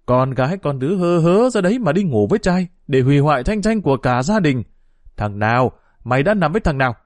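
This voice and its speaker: A raging village mother from a storybook, shrill and wailing as she berates her daughter, as a male narrator puts her on. The voice rides high above the reader's own, loud and swinging wildly up and down, in a dry, close sound. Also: very animated, fairly quick, no room sound. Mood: scolding. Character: furious middle-aged village mother.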